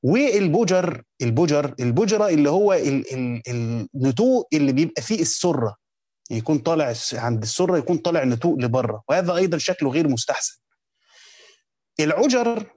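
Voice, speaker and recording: An Egyptian man teaching a religious text, reading lines aloud and then explaining them in everyday dialect, often repeating himself. He speaks quickly in a somewhat high voice. The sound is dry and close to the mic. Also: darkish tone, dry recording. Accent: Egyptian Arabic. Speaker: teacher of hadith commentary. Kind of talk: Islamic lesson commentary.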